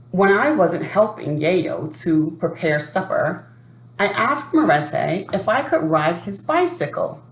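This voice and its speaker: Speaking right to young listeners, a woman with a lowish voice reads a picture book expressively, stopping to ask questions and wait. It's recorded in a roomy space with faint noise behind her.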